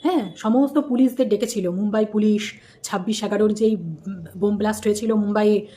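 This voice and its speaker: A woman's voice: medium pitch, a little fast, warm tone. A woman from India hosting a casual commentary vlog, chatty and scolding, repeating herself and tossing rhetorical questions at viewers. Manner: scolding, repetitive, rhetorical asides. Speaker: host.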